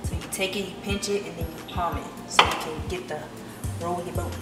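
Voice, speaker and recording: Woman, chef, instructive cooking demo, low-pitched, roomy distant sound, loud music behind. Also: sing-song, measured pace. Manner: instructive, step-by-step. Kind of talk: cooking demonstration. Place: home kitchen. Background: loud background music.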